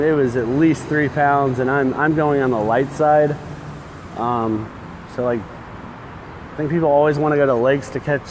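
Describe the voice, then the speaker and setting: A man chatting casually and informally as he hosts a fishing livestream from under a bridge, rambling and offering modest opinions. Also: medium pitch. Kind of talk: casual chat while fishing. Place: outdoors under a concrete bridge by a creek. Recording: noisy outdoor phone recording under bridge.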